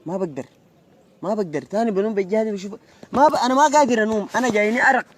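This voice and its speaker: A man playing a smooth-talking Sudanese student. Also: sits high, racing, a little hiss or hum, close to an everyday voice. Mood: charming. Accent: Sudanese Arabic. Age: young adult. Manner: chatty, keeps saying "you know?". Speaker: university student.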